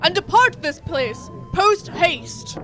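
A woman as a high-voiced, grandiose sick diner. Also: animated, slow, exaggerated voice. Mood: dramatic alarm. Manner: theatrical, grandiose. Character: melodramatic sick diner declaiming in archaic, grand phrases. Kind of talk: comic audio drama acting. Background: music.

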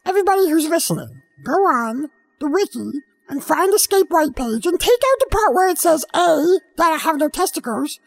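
A man's voice: very high-pitched, sing-song, normal speed, creaky, big-room sound, voice pushed up, full character voice. A man voicing a bratty, boastful kid-like male character who whines and praises himself. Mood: demanding. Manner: whiny, indignant, self-praising.

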